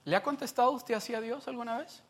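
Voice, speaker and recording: A very high, slightly bright male voice speaks quickly as he preaches a Sunday sermon at a church service. He keeps it conversational, often turning to the congregation with questions.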